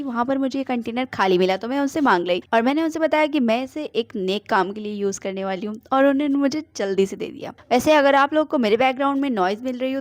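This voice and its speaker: Young woman, quick and high-ish, dry close sound; chatty craft-tutorial voice-over host. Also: no room sound. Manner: chatty, mixes English words into Hindi. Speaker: DIY craft channel host. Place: home, traffic outside.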